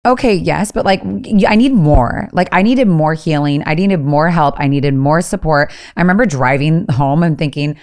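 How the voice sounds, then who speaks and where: A woman in her thirties co-hosts a podcast in candid, casual conversation. Her voice sits low and comes through smooth and resonant. She speaks bluntly, swears freely and tosses in quick asides. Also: a little mellow. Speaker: podcast co-host.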